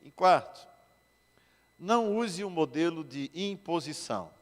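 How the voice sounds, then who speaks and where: A man with a Brazilian Portuguese accent preaches a sermon in a somewhat high voice. He drops into low, quiet asides and then climbs to loud, fervent declarations. His voice rings with the long reverb of a large hall. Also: expressive, measured pace. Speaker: pastor. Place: church hall.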